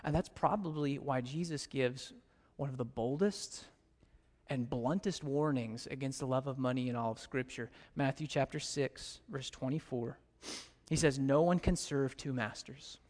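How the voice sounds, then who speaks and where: A man with an American accent preaching a sermon as a pastor, telling stories with big animated swings in pitch. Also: moderate pace. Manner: animated storytelling, pitch leaping high in anecdotes. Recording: long reverb of a large hall.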